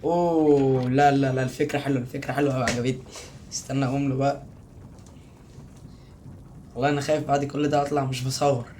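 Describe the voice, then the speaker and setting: A young man with an Egyptian Arabic accent commenting on a horror game he plays, talking to himself and bursting out in panicky shouts. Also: medium pitch, flat delivery, racing, pauses often, a little hiss or hum. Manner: jumpy, panicky outbursts, talks to himself. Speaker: gaming YouTuber.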